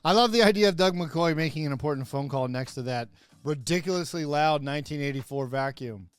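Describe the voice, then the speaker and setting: A man's voice: fairly high pitch, fairly quick, noisy background. A man hosting a comedic review of an old wrestling show, sarcastic, with laughing asides and mock outrage. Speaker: host, wrestling commentator.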